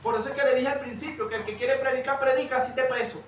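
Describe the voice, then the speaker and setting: A man preaching a sermon, telling a story and addressing listeners as brother, sometimes rising to a shout. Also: very high-pitched, fairly even intonation, very fast. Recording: echoey room, far from the mic, light noise.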